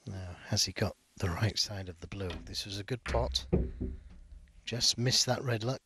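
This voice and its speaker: A man giving hushed live snooker commentary in a measured, analytical and understated way. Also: fairly low pitch, a little hiss or hum.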